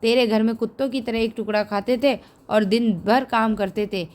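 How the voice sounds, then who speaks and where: A woman reading the part of a hot-headed young village man who shouts threats. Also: on the high side, steady tone, moderate pace, natural voice. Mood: angry.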